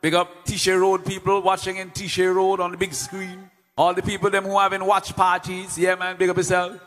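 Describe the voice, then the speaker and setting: A Vincentian man hypes up a live stream with a high, bright, forceful voice. He booms out playful call-outs to the crowd. His voice rings in a long hall reverb, with music playing underneath. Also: monotone, fairly quick. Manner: loud, playful, chanting call-outs to the audience. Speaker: livestream host and DJ. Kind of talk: hype live-stream hosting.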